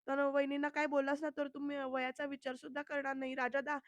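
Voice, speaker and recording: A woman's voice: high-pitched, level tone, quick pace, no echo, close to an everyday voice. A woman voicing a protective young brother-in-law from a TV serial, reading his scolding lines plainly.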